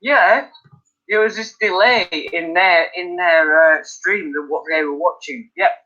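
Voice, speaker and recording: A man chats on a live stream from his attic. His voice sits high and bright, and he tells stories with lots of laughter and swearing. The audio is dull and lo-fi. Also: unhurried. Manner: animated storyteller, swears freely, laughs. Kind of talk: casual chat. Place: indoors by an open attic window.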